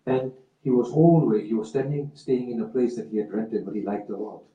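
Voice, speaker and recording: A man preaching a sermon with a very dark, mellow voice. He speaks in a measured, emphatic way. He is recorded from a distance in an echoey hall. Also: on the low side, dull audio. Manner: measured, slow emphatic delivery with rising passion in quotes. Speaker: religious speaker. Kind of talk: sermon with a narrated story. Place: community centre hall. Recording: roomy hall from far off.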